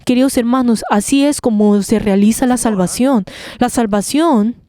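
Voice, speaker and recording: Woman, live sermon interpreter, slightly high pitch, warm mellow tone, halting delivery. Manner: halting, with many pauses and restarts.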